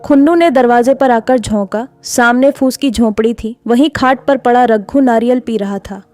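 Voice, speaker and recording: A woman narrating a classic story in a steady, measured reading. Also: a little high, no room sound. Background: soft background music.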